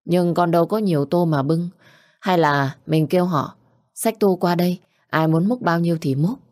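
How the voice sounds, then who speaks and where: A woman's voice: on the low side, moderate pace, a little mellow, no room sound, studio quality, close to an everyday voice. A woman voicing a poor, earnest young orphan man who speaks in a tender, pleading way. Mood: meek.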